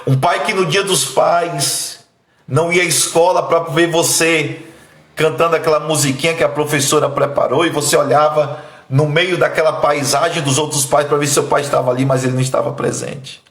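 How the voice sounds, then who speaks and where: This man in his thirties, a pastor from Bahia, Brazil, preaches and gives his testimony in a pleading, emphatic way, letting his voice go low and soft at emotional points. His intonation is fairly even and his pace moderate, recorded in an echoey room.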